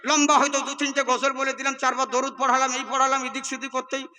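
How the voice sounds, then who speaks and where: A man preaching a fast-paced sermon on a stage microphone, chatting with the crowd between stories. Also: very high-pitched, flat delivery, pushed and bright. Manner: rapid, chatty storytelling with crowd asides. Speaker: Islamic preacher.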